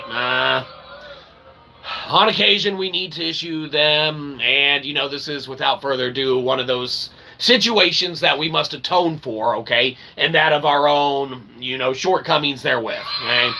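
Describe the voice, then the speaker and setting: A man with a slightly high, sharp-toned voice hosts a live stream, rambling in wordy, mock-formal language and often tossing in short tag questions like "okay?" to check in. The audio is poor, with clear background noise and room ambience.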